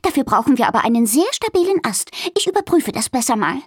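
A woman voicing a curious, eager female squirrel in a storybook reading, speaking high and fast. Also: sing-song, husky, no room sound, clean studio sound, full character voice. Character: lively quick female squirrel, nosy and eager.

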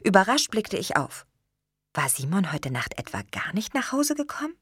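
A woman calmly reading a first-person novel as an audiobook narrator. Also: medium pitch, moderate pace, slightly rough, no echo, studio quality.

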